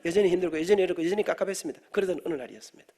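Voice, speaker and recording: A middle-aged man, preaching an animated storytelling sermon in a church and joking with the congregation. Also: high voice, rapid-fire. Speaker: guest preacher, professor. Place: church sanctuary.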